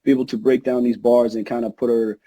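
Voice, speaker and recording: Man, casual podcast chat, relaxed, very mellow dark tone, dry sound. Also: medium pitch, fast talker, no echo, low-quality recording. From Egypt. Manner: laid-back, relaxed, lots of "you know". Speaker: new host, rapper.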